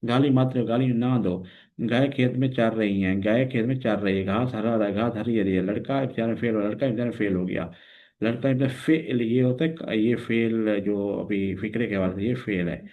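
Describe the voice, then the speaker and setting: Low-voiced man teaching over tinny audio. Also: fairly even intonation, moderate pace. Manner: explains patiently, repeating wrong and right versions. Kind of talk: classroom-style lesson correcting grammar.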